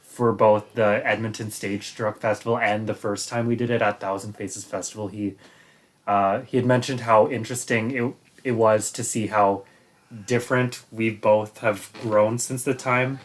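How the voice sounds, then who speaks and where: A man's voice: lowish voice, fairly even intonation, moderate pace. A man, a stage actor, talking casually in an interview, hesitantly searching for his words.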